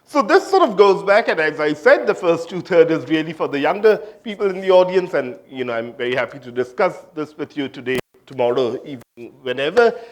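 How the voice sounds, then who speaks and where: A man's voice: a little high, lively intonation, brisk, few pauses. A man from India giving an academic conference talk on physics, hesitant, with many fillers and restarts. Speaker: physics lecturer.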